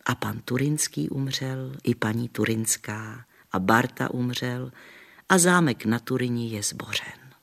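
A man's voice: mid-range voice, gravelly, a bit bright. A man voicing a kindly old grandmother who tells folk tales to children in a homely, patient way. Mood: storytelling. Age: older. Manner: homely, patient storytelling with folksy sayings. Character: kindly old grandmother, gentle village storyteller.

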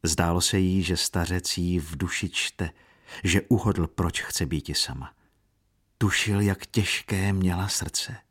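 Deep-voiced man reading a novel aloud. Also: slightly rough. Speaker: audiobook narrator. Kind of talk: scripted narration of a novel.

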